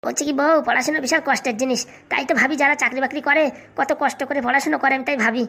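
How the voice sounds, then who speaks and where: A woman's voice: sits high, fairly even intonation, racing, sharp tone. A woman voicing a meek, dim-witted laborer husband in a comedy cartoon, speaking in a pleading, simple-minded way.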